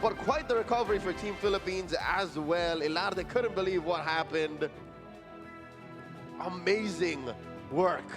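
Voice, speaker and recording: Esports caster, male, high-pitched and animated, exclamatory live play-by-play with light music behind. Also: unhurried.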